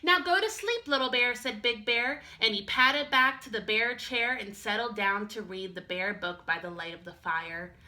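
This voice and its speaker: A woman teacher reading a picture book aloud to young children, expressive and speaking to them directly. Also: mid-range voice, a little slow, few pauses. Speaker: first-grade teacher.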